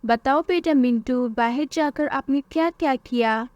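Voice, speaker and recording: A woman voicing a caring mother bird in a cartoon who asks gentle, concerned questions. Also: high-pitched, unhurried, dry recording, dull audio.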